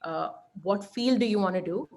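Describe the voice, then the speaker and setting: A young woman with an Indian accent, a law lecturer, appears as a guest in an online interview conversation and offers earnest advice. Her medium-pitched voice has a darkish tone and normal speed, and she frequently restarts sentences and checks in with "right?"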